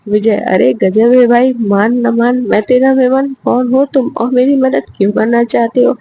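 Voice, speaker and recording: A woman's voice: a little high, fairly even intonation, normal speed, gravelly, dark tone, a little hiss or hum, low-quality recording. A woman voicing a lazy, fretful young man who grumbles worriedly to himself, in a storybook reading.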